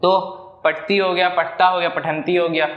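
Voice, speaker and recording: A man with a fairly high voice teaches a grammar lesson. He patiently asks questions and answers them himself, and he repeats verb forms aloud as a drill. The room is echoey. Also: flat delivery, moderate pace, highs cut off. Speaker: Sanskrit teacher.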